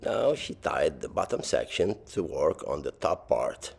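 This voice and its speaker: A man's voice: extremely low pitch, very animated, measured pace, gravelly, breathy edge, faint music behind. A middle-aged man from Lebanon with a Lebanese, Middle Eastern accent, doing a playful scripted voice-over for a tutorial with dry humour. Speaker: voice-over narrator of a hair tutorial.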